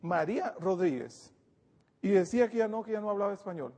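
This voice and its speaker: A man's voice: high voice, expressive, fairly quick, warm tone, in a large hall. A man preaching a sermon to his congregation, earnest, addressing listeners directly and often repeating words as he restarts.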